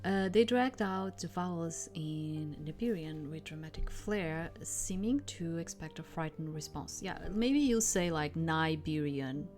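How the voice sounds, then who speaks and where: Woman doing a game read-through, bit low voice, expressive w/ casual comments, faint music. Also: measured pace, few pauses. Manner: reads story expressively, breaking off to comment. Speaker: streamer reading a visual novel aloud. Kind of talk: narrated game playthrough with casual asides.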